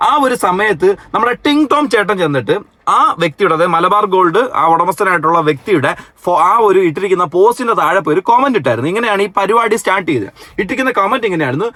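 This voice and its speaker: An online commentary host with a Kerala accent, a man with a high, expressive voice, talks quickly in a sharp tone on a dry recording. His reaction commentary is casual and mocking, full of sarcasm, and he reads comments aloud with theatrical flair.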